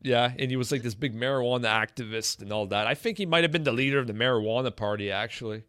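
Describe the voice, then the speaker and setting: A man with an Acadian French Canadian accent, hosting a casual bilingual interview in an informal, halting way. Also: mid-range voice, fairly bright tone, smooth, no echo, studio quality. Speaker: host.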